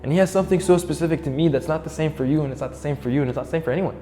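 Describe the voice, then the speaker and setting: A man's voice: on the high side, rapid-fire. A man in his twenties from Egypt, sharing his faith testimony in an earnest, reflective way. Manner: earnest and reflective, quotes his own inner thoughts. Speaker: church member sharing testimony. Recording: long reverb with soft guitar music.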